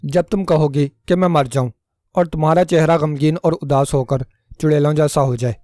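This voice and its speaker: A man's voice: a little high, fairly even intonation, dark tone, dry recording, studio quality, lightly acted. A man voicing a cunning male trickster who pleads theatrically and plays at dying, in a storybook reading. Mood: sly pleading. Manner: pleading, theatrical self-pity.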